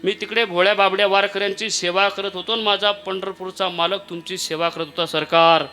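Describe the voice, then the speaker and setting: A man's voice: sits high, fairly even intonation, brisk, pushed and bright. A man doing a humble pleading barber. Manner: pleading, earnest, emotional. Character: humble devoted male barber, pleading servant.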